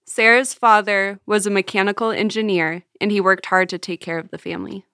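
A woman reporter reading scripted narration with a clear, even delivery. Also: mid-range voice, a little fast, no echo, studio quality.

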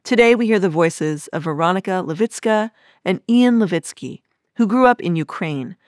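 A woman host reading a scripted podcast narration in a measured, even manner. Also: fairly low pitch, dry recording, clean studio sound.

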